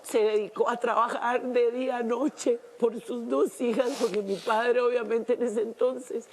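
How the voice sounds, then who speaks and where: A woman from Cuba, a reality show contestant speaking emotionally by a campfire, halting and repeating words, near tears. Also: a little high, steady tone, slight background noise. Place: outdoors at a campfire at night.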